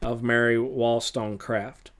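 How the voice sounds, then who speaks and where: A male teacher talking through a chapter review for his students, relaxed and loose, with plenty of filler uhs. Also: medium pitch, a little slow, background noise. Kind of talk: recorded review lesson.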